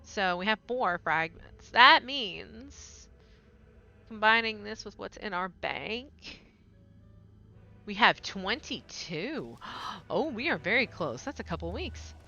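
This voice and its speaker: Chatty woman streamer, bright lo-fi sound. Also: medium pitch, big pitch swings, slow. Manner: chatty, rambling, laughs often. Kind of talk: casual gaming stream chat.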